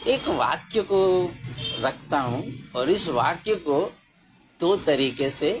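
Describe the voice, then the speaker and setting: A man preaching a sermon slowly and emphatically, raising his voice for stress. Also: fairly high pitch, animated, music in the background. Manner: slow, emphatic, with rising exclamations.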